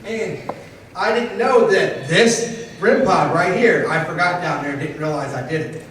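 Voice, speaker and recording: A man's voice: high voice, measured pace, fairly bright tone. A man, a paranormal investigator, giving an emphatic convention panel talk to an audience, checking in with them often. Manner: emphatic, keeps checking in with "okay?". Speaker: paranormal investigator presenting evidence. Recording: echoey hall, distant, faint hiss.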